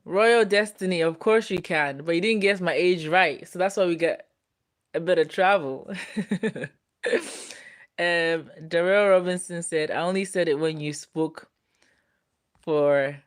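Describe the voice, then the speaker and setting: A Ghanaian woman in her twenties hosts a casual livestream, her lowish voice unhurried. She reads viewer comments aloud in a playful, teasing way and laughs often.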